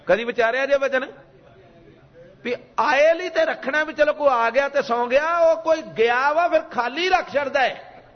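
High-voiced Punjabi preacher in an echoing hall. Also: male voice, normal speed, lo-fi sound. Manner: preaching, calls on the congregation to repeat lines. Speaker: Sikh preacher giving katha. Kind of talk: sermon with sung scripture.

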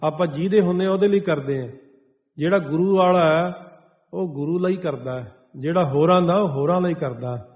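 Man, chanted verses then plain explanation, slightly high voice, dull lo-fi sound. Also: moderate pace. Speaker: Sikh preacher. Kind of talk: scripture exposition sermon. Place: large hall before a congregation. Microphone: stage microphone. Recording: dull sound with long hall reverb.

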